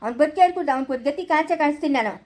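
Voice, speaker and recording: A woman playing a hot-tempered village elder in a family drama, threatening in rapid bursts. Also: high-pitched, lively intonation, darkish tone. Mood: furious. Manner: furious, threatening, rapid-fire. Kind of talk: amateur village drama acting.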